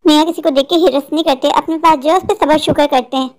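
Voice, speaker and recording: A woman voicing a weary, patient husband in a cartoon dub, calmly reasoning with his wife. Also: sits high, fast talker.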